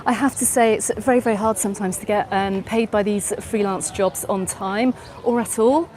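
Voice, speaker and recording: A middle-aged Englishwoman with an English accent, a travel vlogger from England, leads a live walking tour along a busy beach promenade at dusk, answering viewers' questions as she walks. Her voice is medium-pitched, steady, and somewhat dark, at a normal pace. The outdoor live stream picks up crowd chatter and passing traffic.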